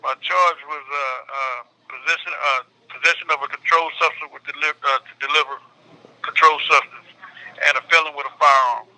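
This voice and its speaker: A man speaks over a prison phone line, and the call makes his voice thin and tinny. His voice sits fairly high and sounds very bright. He answers questions in a calm, plain-spoken way. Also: a little fast. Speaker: federal inmate calling from prison.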